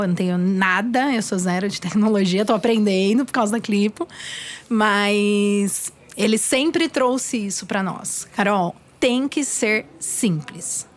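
A woman in casual podcast conversation, frank and quick to laugh, now and then swearing as she explains her company. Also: medium pitch. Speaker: guest, startup founder.

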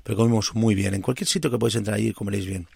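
A man's voice: lowish voice, fairly even intonation, racing, creaky, a little mellow, breathy edge, dry recording, studio quality. A man from Tarragona, a podcast host, casually recounting a pilgrimage stage with many restarts and self-corrections. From Tarragona, Spain. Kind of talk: casual travel storytelling.

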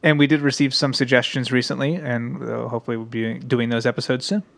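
A man co-hosts a podcast, agreeing easily and talking in a casual, friendly way. His voice sits at a middle pitch. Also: little pitch movement, fast talker, gravelly, a bit bright. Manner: easygoing, agreeable. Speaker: podcast co-host. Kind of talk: casual chat.

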